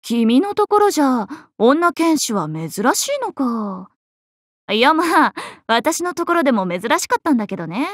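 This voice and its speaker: High, animated young swordswoman, Miyamoto Musashi. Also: moderate pace, no room sound. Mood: musing, teasing. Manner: playful, expressive, swinging between teasing and flustered. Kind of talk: Japanese anime-style mobile game character acting.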